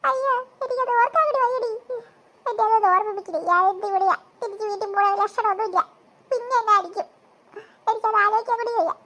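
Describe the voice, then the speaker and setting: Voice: extremely high pitch, a little fast, pushed and bright, heavily acted. A voice actor playing a crying, whining schoolboy in a cartoon. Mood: tearful. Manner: whining, wailing. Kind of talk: cartoon voice acting.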